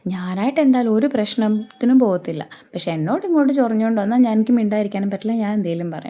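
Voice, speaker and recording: A woman's voice: medium pitch, dark tone. A woman with a Malayali accent retelling a TV serial episode in a casual, chatty way, voicing the characters' lines herself. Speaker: serial recap narrator.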